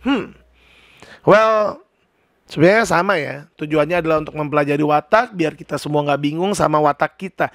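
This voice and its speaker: A man explaining personality types in a chatty, animated, casual vlog. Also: high-pitched, creaky, dry recording, clean studio sound. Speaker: personality teacher.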